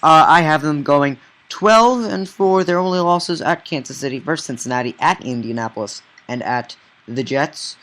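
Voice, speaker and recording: A man's voice: on the high side, normal speed. A young man hosting a casual sports podcast, running through team predictions with puns and teasing. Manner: punning, lively, teasing. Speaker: podcast host.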